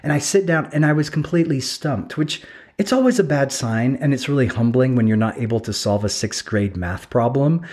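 A man's voice: medium pitch, fairly quick, darkish tone. A man from England preaching a sermon as a pastor, earnest and emphatic, building his points with repeated phrases and self-deprecating asides.

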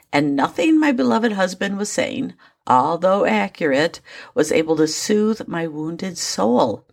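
A woman's voice: low voice, husky. A woman hosting a daily devotional podcast, speaking in an earnest, personal way with small asides. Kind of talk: scripted devotional talk.

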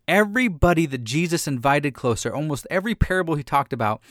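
A pastor in his thirties gives a casual faith talk in an earnest, animated way, often restarting his sentences. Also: a little high, no echo, studio quality.

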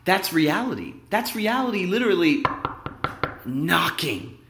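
A man's voice: high voice, a little slow, slight background noise. Talky man in an echoey room. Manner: animated, emphatic, rambling and conversational. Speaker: podcast host. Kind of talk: motivational solo podcast monologue. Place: indoor room at his workplace. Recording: echoey room with big reverb.

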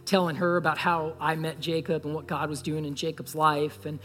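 A man's voice: on the high side, flat delivery, a little fast, fairly bright tone, slight background noise. A young man preaching a sermon, an earnest pastor telling a story and speaking straight to the congregation. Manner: earnest, talks straight to the audience. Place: church sanctuary. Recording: echoey hall with faint music.

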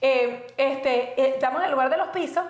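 A woman's voice: high-pitched, normal speed. A woman in casual chat with her husband, insistent and affectionate. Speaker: co-host. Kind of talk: casual banter with spouse. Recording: echoey room.

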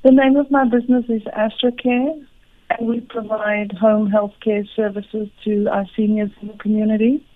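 A middle-aged woman from Africa, answering interview questions calmly and briefly. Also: mid-range voice, moderate pace, dry recording, phone-quality sound. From South Africa. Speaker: guest, home health care business owner.

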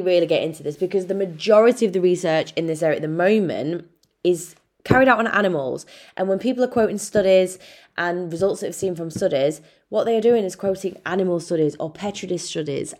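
A young Irish woman, a nutritionist hosting her own podcast, talking casually and frankly, swearing freely and calling the listener babe. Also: lowish voice. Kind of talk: casual solo podcast talk.

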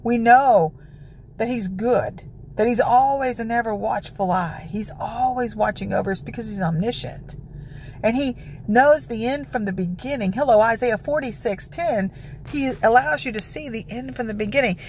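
A woman with a gravelly voice giving informal, emphatic devotional exhortation as a prayer preacher. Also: a little high, moderate pace, a little mellow, a little hiss or hum, rough recording. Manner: emphatic, declarative, peppered with scripture citations.

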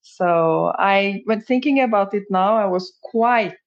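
A woman's voice: mid-range voice, measured pace. Hesitant Norwegian woman with a muffled voice. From Norway. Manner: hesitant, searching for words, soft laughs. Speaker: interview guest, photographer. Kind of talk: casual interview.

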